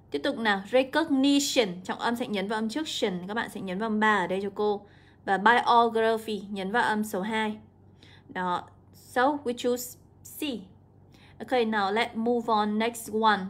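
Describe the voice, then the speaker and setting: A young woman, an English teacher walking students through an exam, drawing out example words slowly. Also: on the high side, a bit bright. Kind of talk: exam walkthrough lesson.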